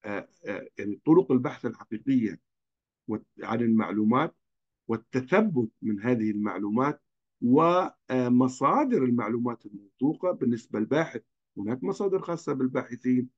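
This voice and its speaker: A man's voice: mid-range voice, lively intonation, fairly quick. Male lecturer, earnest cautionary delivery, muffled lo-fi recording. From Libya. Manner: earnest, cautionary, pleads with students.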